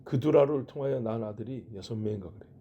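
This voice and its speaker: A man's voice: medium pitch, fast talker, highs cut off, slight background noise. A middle-aged male pastor giving a sermon in a conversational way, asking rhetorical questions and making joking asides. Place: church.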